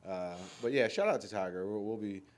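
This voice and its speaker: A man's voice: fairly low pitch, fairly quick. A man hosting a casual sports talk radio show, rambling loosely, laughing often and swearing.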